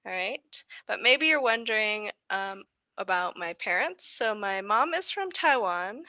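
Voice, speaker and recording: A woman's voice: medium pitch, expressive, a little slow, pushed and bright, no room sound. A young American woman giving a friendly online lecture, often asking the class questions over a video call. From United States.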